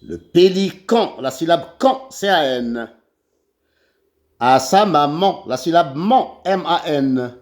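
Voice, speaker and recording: A man's voice: fairly high pitch, expressive, slow, darkish tone. A man with an Algerian French accent teaching a children's reading lesson, spelling out syllables letter by letter. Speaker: primary school teacher.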